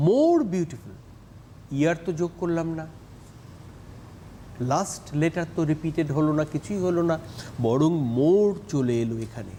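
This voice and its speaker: A man's voice: high-pitched, darkish tone. A male teacher, giving a TV lesson on English grammar and stressing his words and syllables. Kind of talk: TV classroom lesson.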